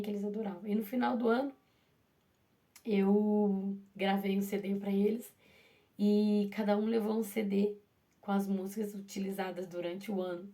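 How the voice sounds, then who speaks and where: A woman's voice: mid-range voice, dark tone. A woman who teaches primary school, telling her classroom story in a chatty, casual way full of restarts and asides to her listeners.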